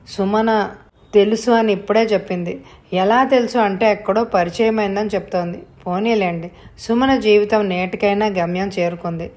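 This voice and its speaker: A woman narrating a scripted story in a steady, even way. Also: mid-range voice.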